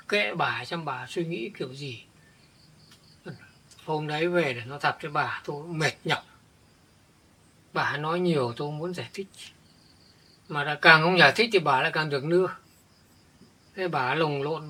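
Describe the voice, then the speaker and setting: A man's voice: a little high, pushed and bright, slightly rough, full character voice. A man playing a weary older village man. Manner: halting, repeats words when upset. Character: older village man thrown out by his jealous wife. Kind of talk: village family drama acting.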